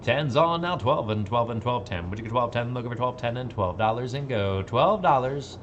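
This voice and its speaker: A man's voice: medium pitch, expressive, normal speed, muffled recording, slight background noise. A man calling a live auction as auctioneer, chanting numbers in a rhythmic, repetitive patter. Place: auction gallery room, livestream.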